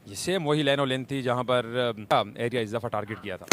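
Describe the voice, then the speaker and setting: A man's voice: mid-range voice, brisk. A Pakistani man adding analytical remarks as co-commentator in live cricket commentary. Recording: noisy outdoor live commentary.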